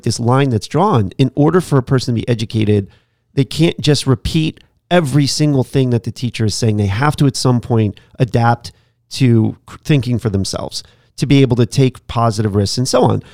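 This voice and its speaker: A man hosting a podcast, telling a story about his teaching days in a casual, animated way with frequent laughs and restarts. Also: mid-range voice, no room sound, clean studio sound. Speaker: podcast host, former teacher.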